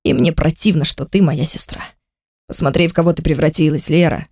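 A reader doing a coldly furious young man from an audiobook, spacing out each cutting word with deliberate weight. The voice sits close and dry, in a middle pitch. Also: steady tone, darkish tone, dry recording, natural voice. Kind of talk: audiobook character voice.

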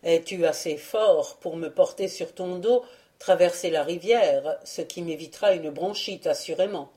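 A woman voicing a proud male lion, king of the desert, in a storybook reading, with a smooth, mocking delivery. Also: on the low side, unhurried, warm tone, close to an everyday voice. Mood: haughty.

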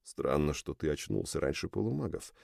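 A man voicing a gruff, impatient warrior who speaks bluntly. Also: very deep voice, very animated, fairly quick, a little mellow, no echo, studio quality, voice pushed down, exaggerated voice.

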